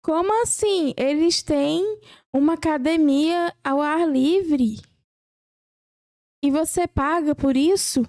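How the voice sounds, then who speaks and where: A woman with a high voice and a Brazilian accent reacts casually as a co-host. She sounds impressed and curious, in a dry recording. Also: slow pace, a little mellow, no echo.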